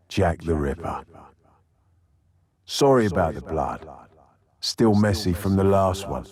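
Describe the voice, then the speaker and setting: An actor playing a deranged, sadistic Victorian serial killer in a video game, with a gravelly, husky British voice and a theatrical, taunting delivery. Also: male voice, low-pitched, full character voice. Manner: theatrical, taunting, drawn-out menace.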